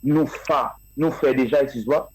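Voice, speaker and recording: A man being interviewed about his music, answering in a halting way with many fillers and restarts. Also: mid-range voice, slightly rough, poor audio. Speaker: guest musician.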